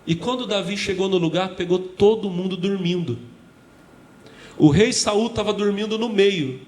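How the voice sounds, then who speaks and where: A man with a Brazilian Portuguese accent, a pastor preaching a lively sermon, telling stories and acting out the voices of the people in them. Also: high voice. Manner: animated storytelling, acting out voices, addressing congregation as brothers. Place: church hall. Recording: echoey church hall with faint ambience.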